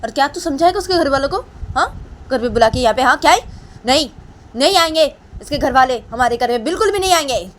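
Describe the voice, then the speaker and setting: Woman doing a shrill scolding grandmother. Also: expressive, fast, a bit bright, slight background noise. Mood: angry scolding. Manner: shrill, scolding, repeated questions.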